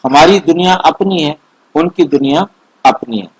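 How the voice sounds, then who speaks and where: A middle-aged man slowly explaining a spiritual text line by line as study leader, repeating and restating his points in an online meeting. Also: on the high side, slightly rough, rough recording. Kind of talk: slow line-by-line scripture explanation. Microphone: online video meeting.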